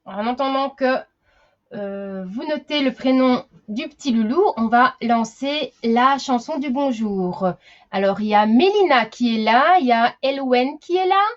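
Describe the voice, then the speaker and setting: A woman's voice: fairly high pitch, expressive, unhurried, lo-fi sound. A woman teaching a live online class for young children, chatty, greeting each child by name.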